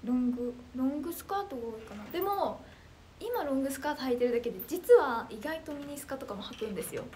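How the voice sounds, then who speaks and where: On a livestream, a young woman chats casually and reads viewer comments aloud, reacting with bubbly excitement. Her high, anime-like voice is loud, clear and carries well, her pace is quick, and there's a slight background noise.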